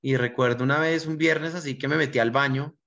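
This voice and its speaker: A man's voice: medium pitch, steady tone, fairly quick, creaky, fairly bright tone. A man with a Colombian accent, a restaurant owner, earnestly and reflectively telling stories from his life in an interview. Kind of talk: interview answers, personal storytelling. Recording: dull lo-fi recording.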